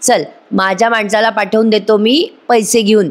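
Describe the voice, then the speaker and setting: A woman's voice: medium pitch, fairly even intonation, normal speed, lightly acted. A woman doing a swaggering crime boss. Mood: mocking. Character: scheming male crime boss.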